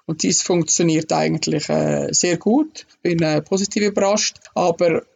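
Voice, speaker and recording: A man, a guest in a casual interview, explaining slowly with many fillers. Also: a little high, fairly even intonation, creaky, darkish tone, breathy edge.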